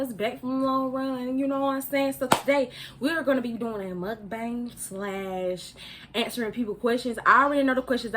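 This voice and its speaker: A woman's voice: high voice, fairly bright tone, a little hiss or hum. Mumbling young woman eating on camera. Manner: talks while chewing, mumbling. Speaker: YouTuber. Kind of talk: casual vlog chat while eating. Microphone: phone front camera.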